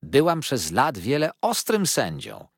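A stern but kindly old aunt, voiced by a male reader, measured and gently firm as she counsels her nephew. The voice is husky with a dry, close sound, and its pitch moves a lot, as in a read-aloud storybook. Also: huge pitch swings, no echo, heavily acted. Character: older aunt, stern yet kindly, eccentric. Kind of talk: audiobook character voice.

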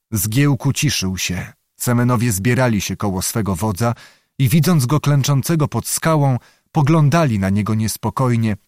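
A man's voice: medium pitch, a little mellow, dry recording. Male audiobook narrator, dry and close. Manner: measured, dramatic reading. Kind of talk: scripted narration of a historical novel.

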